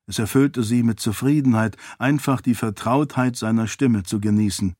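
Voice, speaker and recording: A man narrating a fantasy novel in calm, even audiobook style. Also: mid-range voice, normal speed, no room sound, studio quality. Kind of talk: scripted narration.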